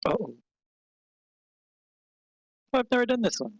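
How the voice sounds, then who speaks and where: A man's voice: very high-pitched, sing-song, a little slow, a little hiss or hum. A man playing a tabletop game, heard over group voice chat that cuts out, thinking aloud with hesitant ums. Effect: heard over group voice chat, cutting out. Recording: echoey room over online voice chat.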